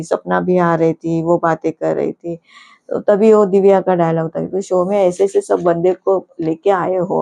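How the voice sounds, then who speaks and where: A woman's voice: fairly low pitch, gravelly, dark tone, highs cut off. A woman casually recapping a reality show episode, indignant at times and retelling scenes through quoted lines.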